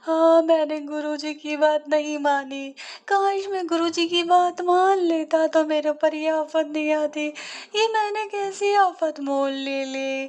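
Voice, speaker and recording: A woman voicing a plump, greedy young male disciple who pleads and wails in slow, high, whiny tones. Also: monotone. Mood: wailing.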